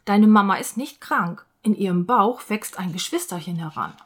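A woman's voice: mid-range voice, lively intonation, normal speed, slightly rough. Friendly doctor in a kids' story, reassuring, woman reading.

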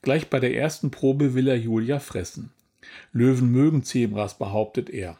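A man reading a children's picture book aloud in a gentle, even storytelling manner. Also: medium pitch, moderate pace.

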